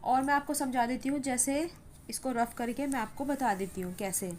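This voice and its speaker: Patient woman teacher, slightly high voice, drills example words slowly, faint hum behind. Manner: patient, repeats "ठीक है" often, stretches example words slowly. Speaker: English teacher. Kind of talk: spoken English pronunciation lesson.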